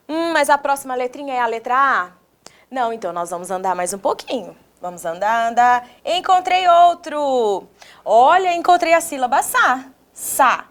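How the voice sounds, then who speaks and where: This high-voiced woman, whose tone is fairly bright, speaks with a Brazilian Portuguese accent while teaching small children on video. She pronounces words slowly, one exaggerated syllable at a time, and poses questions to viewers in a warm, sing-song manner.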